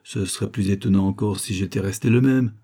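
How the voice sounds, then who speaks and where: A man's voice: on the low side, brisk, dark tone. A man voicing a wry, teasing thirty-year-old. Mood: friendly. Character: easygoing joking man of thirty, former prankster.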